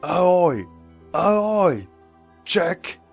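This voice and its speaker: A man voicing a blustering, combative knight with a gravelly voice and slow, drawn-out speech in a storybook audiobook. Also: high voice, very animated, faint music behind, pitched above the performer's own voice, full character voice. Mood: shouting challenge.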